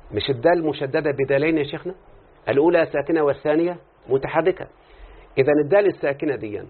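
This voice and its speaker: A man's voice: fairly high pitch, breathy edge. A man with an Egyptian accent teaches a classroom lesson, explaining a text and constantly quizzing his students with short questions. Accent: Egyptian Arabic. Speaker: teacher of Arabic morphology. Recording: tinny phone-like lo-fi recording.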